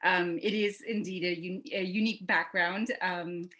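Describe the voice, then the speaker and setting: A woman in her thirties from Venezuela, a native Spanish speaker, telling her life story in a relaxed, chatty way as a podcast guest. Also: lowish voice, normal speed, low-quality recording. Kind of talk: casual interview storytelling.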